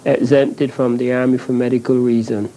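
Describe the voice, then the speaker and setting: Flat-voiced Barbadian man answering. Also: medium pitch, moderate pace, poor audio. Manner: brief, factual answers. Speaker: interviewee, former sleeping car porter. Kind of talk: archival oral history interview.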